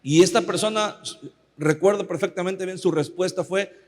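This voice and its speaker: A pastor preaching a sermon in a conversational way, often asking the congregation for agreement. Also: male voice, sits high, normal speed. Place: church. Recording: long reverb of a church hall.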